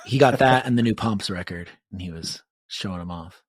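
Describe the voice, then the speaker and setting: A man's voice: low voice, moderate pace, breathy edge, no room sound. A man chatting casually as a podcast co-host. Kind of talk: casual chat.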